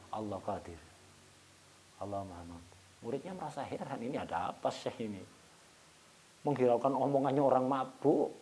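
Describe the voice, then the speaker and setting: A man teaching an Islamic study lesson, telling a story and acting out its dialogue, joking and chuckling with his listeners. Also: medium pitch. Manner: storytelling, acting out dialogue with sudden loud and soft turns. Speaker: religious teacher.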